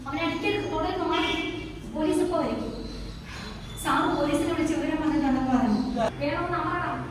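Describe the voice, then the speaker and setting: A woman's voice: sits high, brisk, natural voice. A woman playing a shop owner who scolds an intruder and repeats her commands. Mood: stern. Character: stern woman shopkeeper confronting an intruder. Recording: echoey room from far off, noisy.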